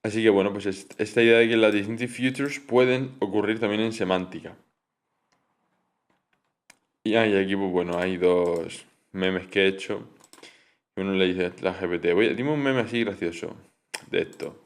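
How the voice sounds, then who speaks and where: A young man with a somewhat low voice talks through his coursework as an informal study explanation. He hesitates often, filling pauses and restarting his sentences, and he drops English technical terms into his speech.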